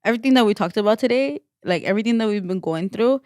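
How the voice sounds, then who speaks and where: A woman's voice: mid-range voice, expressive, fast talker, a little mellow, dry recording, clean studio sound. A woman co-hosting a podcast in casual chat, rambling with lots of "like" fillers and restarts. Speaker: podcast co-host.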